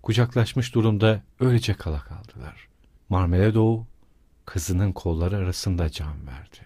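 Man reading a novel aloud, husky dark voice, slow and dramatic, dry sound. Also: low-pitched, no room sound. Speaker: audiobook narrator. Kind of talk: scripted narration.

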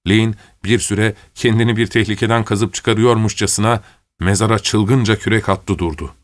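A man reading a war story aloud as narrator, steady and measured. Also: lowish voice, no room sound.

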